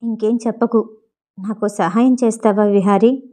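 A woman's voice: mid-range voice, fairly even intonation, normal speed, dark tone, natural voice. A woman voicing a heartbroken young woman, trembling. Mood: tearful. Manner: tearful, trembling voice. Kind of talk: audiobook character voice.

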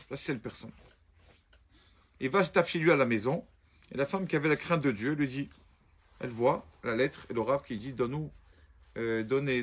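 A man with a husky, somewhat high voice tells a Shabbat story aloud. He is animated and plays each character as he goes, sometimes rising and sometimes dropping to a low murmur. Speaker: rabbi telling a Shabbat story. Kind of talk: spoken storytelling.

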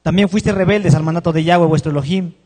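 A man reading scripture aloud in a loud, formal way. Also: a little high, quick pace, long reverb tail. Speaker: scripture reader.

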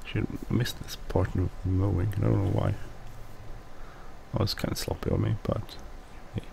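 A man whose first language is Swedish, speaking English with a Swedish accent as he hosts casual gameplay commentary, mumbling and halting with many restarts. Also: lowish voice, fairly even intonation, vocal fry, background noise. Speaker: let's play host.

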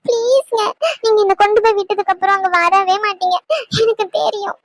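A woman's voice: extremely high pitch, fairly even intonation, brisk, no echo. A woman voicing a tearful young pregnant wife in a cartoon, pleading and complaining.

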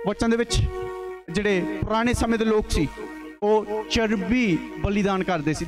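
High-voiced Punjabi pastor, music behind. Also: male voice. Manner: urges the congregation to answer aloud, mixes in English words. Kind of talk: call-and-response sermon. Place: church hall. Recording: music playing clearly behind.

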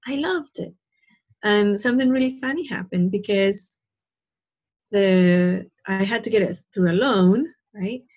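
Through a wired earphone mic on a dull, lo-fi video call, a middle-aged spiritual teacher speaks from her living room in an earnest, meandering, casual way, often checking in with listeners through "right?" and "you know." Her voice is slightly husky, a little mellow, medium-pitched, and a little slow.

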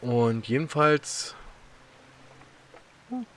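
A man's voice: mid-range voice, very animated, extremely slow, fairly bright tone, slight background noise. A man with a German accent giving casual let's-play commentary, rambling and telling stories with many fillers and laughs. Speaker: gaming YouTuber.

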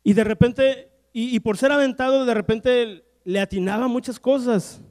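Man, pastor preaching, storytelling, acts out dialogue, high voice, long hall reverb. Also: fairly even intonation, normal speed, darkish tone. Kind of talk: sermon. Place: church hall.

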